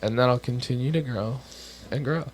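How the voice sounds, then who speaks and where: A young man from the United States co-hosts an informal show, reading health guidance aloud with joking side comments as his voice goes. He speaks at medium pitch and normal speed, and the audio quality is poor.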